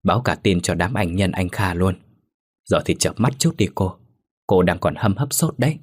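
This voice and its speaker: A man's voice: deep voice, lively intonation, normal speed, husky. A man voicing a caring young niece who questions and soothes her aunt in a ghost story. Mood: soothing. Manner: coaxing, anxious.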